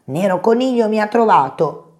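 A woman's voice: mid-range voice, expressive, unhurried, lightly acted. A woman voicing a small, frightened male rabbit in a storybook reading, trembling and pleading.

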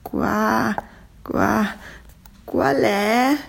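A woman's voice: lowish voice, animated, dark tone, breathy edge, heavily acted. A woman voicing a smug, discontented squid in a children's story, haughty and mocking. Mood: frightened. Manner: haughty, drawn-out mocking tones.

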